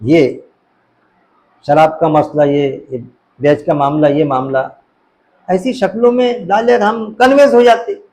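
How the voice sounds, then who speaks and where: Speaking slowly with frequent pauses, this middle-aged man's voice sits on the high side, with fairly even intonation and a dark tone. He is an Islamic preacher giving a casual sermon packed with rhetorical questions, mimicking characters' voices in his stories. The recording is poor.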